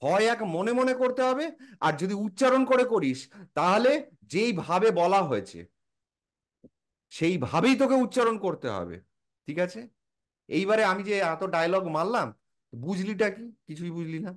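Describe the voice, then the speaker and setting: A man's voice: sits high, big pitch swings, moderate pace, long pauses. A man explaining in a casual chat, lecturing informally and answering his own rhetorical questions. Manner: informal, addresses listener as a close friend.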